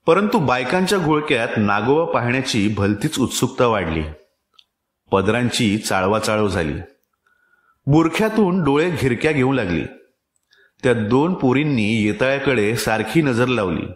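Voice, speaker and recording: A man with a Marathi accent reading a short story aloud in an expressive, theatrical way, in an echoey room. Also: mid-range voice, moderate pace. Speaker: story reader. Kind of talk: dramatic narration of a short story.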